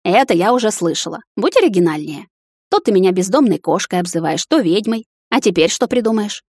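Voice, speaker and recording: A woman's voice: mid-range voice, sing-song, fairly quick, a little mellow, husky, no echo, studio quality. A woman voicing a cheeky, stubborn young noblewoman who teases her fiancé with mock gasps, in a storybook reading. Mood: teasing. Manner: mock-gasping, teasing.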